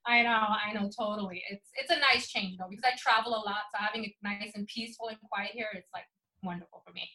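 A woman's voice: mid-range voice, quick pace, pushed and bright, poor audio. A woman from Sweden, a guest on a podcast, talking in an upbeat, cheerful way. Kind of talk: casual interview.

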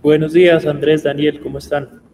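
Flat-voiced Colombian guest in a reverberant room. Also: male voice, a little high, moderate pace, slight background noise. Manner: thoughtful, with frequent restarts. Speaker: guest, company founder. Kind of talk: radio interview.

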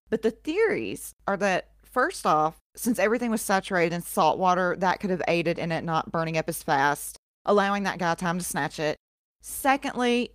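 A lowish-voiced woman with a drawl, co-hosting a podcast and telling a dark history story. She talks casually, swears freely and breaks into laughter. Her voice sits close and dry on the mic. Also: no echo. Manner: casual, profane, laughs often. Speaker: podcast co-host.

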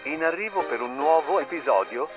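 A man making a mock train station loudspeaker announcement in a formal, flat announcer voice for a podcast outro. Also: on the high side, fairly quick. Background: music.

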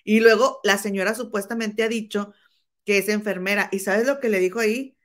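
A woman tells celebrity gossip in a lively, chatty way. She acts out every quoted insult and keeps turning to her friend as comadre. Her voice sits at an ordinary middle pitch for a woman. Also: brisk. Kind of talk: casual celebrity gossip chat.

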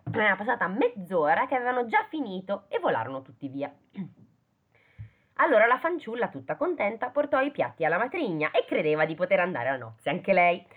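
A woman's voice: medium pitch, very animated, brisk. A woman reading a fairy tale aloud in casual chat, stopping often to joke about and question the text. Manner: reads then breaks off to joke and question the text. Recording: phone-like lo-fi audio.

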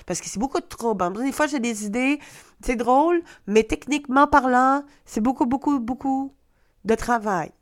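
Middle-aged Québécois woman, podcast host, chatty and self-mocking, casual swearing, mid-pitched. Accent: Québécois French. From Quebec. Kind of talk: casual monologue.

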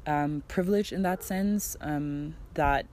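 A young woman in her twenties, originally from Germany, speaking in a slightly low voice. She rambles through a casual vlog story, leaning on "like" and playing out both sides of conversations. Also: slow, darkish tone. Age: 20s. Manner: chatty, fills speech with "like" and "I'm like", acts out quoted dialogue. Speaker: vlogger.

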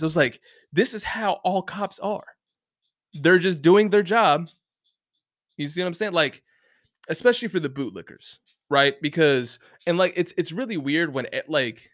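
A man rants in a casual, rambling way, full of restarts, fillers and swearing. His voice sits slightly high for a man. The sound is dry and close, with no room in it. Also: a bit bright, dry recording. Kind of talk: casual rant to camera. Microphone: close mic, bumped once.

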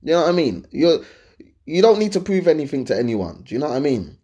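A man's voice: on the high side, very animated, fast, warm tone. London man giving casual, slangy advice. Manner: slangy, conversational, checks in with listeners often. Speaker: host giving dating and lifestyle advice. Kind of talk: casual opinionated chat to viewers.

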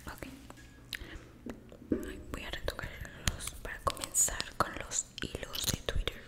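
An ASMR creator whispers straight to the listener into a close, sensitive microphone. She sounds soft and affectionate, slowly repeating words.

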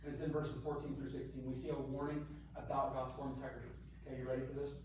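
Echoey distant pastor preaching. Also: male voice, medium pitch, little pitch movement, fast talker, background noise. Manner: chatty, self-deprecating, repeats phrases for emphasis. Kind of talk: sermon. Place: church sanctuary. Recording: very echoey room from far off, faint ambience.

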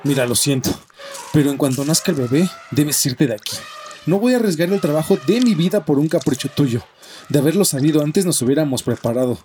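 A man's voice: fairly high pitch, lively intonation, fairly quick, dark tone, a little hiss or hum, natural voice. A man acting a stressed, stubborn zoo owner in an audio drama, earnest and exasperated. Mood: bitter, firm.

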